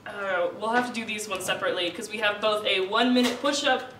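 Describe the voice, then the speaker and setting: A woman's voice: medium pitch, quick pace, fairly bright tone, far from the mic. A woman casually coordinating a group, laughing often and talking with many fillers. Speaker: challenge organizer. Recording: roomy echo, voice from off mic.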